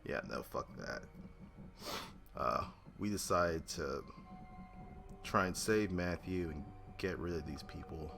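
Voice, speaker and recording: Weary, very deep gravelly man. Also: fairly bright tone. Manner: weary, halting. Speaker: player recapping a tabletop game. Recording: music under the voice. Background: music.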